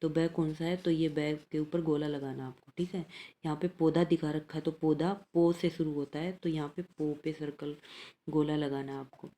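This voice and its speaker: A woman's voice: sits low, little pitch movement, moderate pace, warm tone. A woman teaching an elementary language lesson, patiently reading out letters and exercises and checking in after each point.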